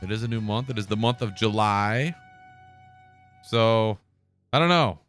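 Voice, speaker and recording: Hosting a podcast solo, a man offers casual commentary in a laid-back way, swearing now and then. His voice is on the low side, a little slow and fairly bright in tone, with faint music in the background.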